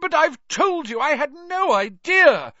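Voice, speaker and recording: A man's voice: very high-pitched, very animated, a little slow, pushed and bright, no echo, voice pushed up, heavily acted. A man voicing an earnest, chatty former sports star in a storybook reading, recorded dull and dry.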